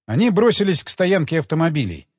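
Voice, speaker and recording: A man narrating an audiobook in an expressive, dramatic reading. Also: on the high side, fast talker, slightly rough, no room sound, studio quality, big-room sound.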